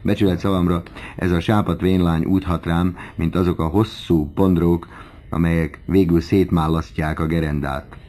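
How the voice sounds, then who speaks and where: A man's voice: sits low, fairly even intonation, dark tone, lightly acted. A man reading an audiobook, voicing a young male medical student who jokes and mocks the other boarders with playful wordplay. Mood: teasing.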